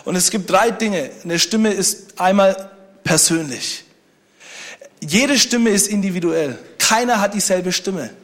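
A man's voice: high-pitched, measured pace, fairly bright tone. A man preaching a sermon, speaking conversationally and joking with the congregation. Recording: long hall reverb.

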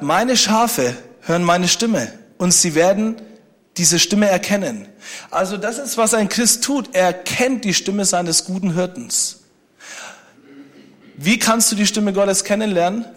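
A man's voice: high voice, expressive, slow pace, pauses often. A man preaching a sermon, speaking conversationally and joking with the congregation. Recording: long hall reverb.

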